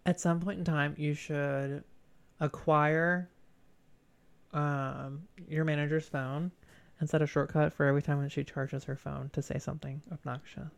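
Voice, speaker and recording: A podcast co-host chatting casually and joking about office pranks. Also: male voice, a little high, little pitch movement, unhurried, gravelly. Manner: joking, playful. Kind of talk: casual chat.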